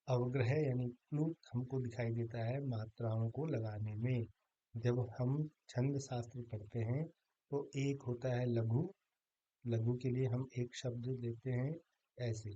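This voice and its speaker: A man's voice: mid-range voice, mellow, muffled recording. A man teaching a grammar lesson, patiently stretching out sounds to demonstrate pronunciation.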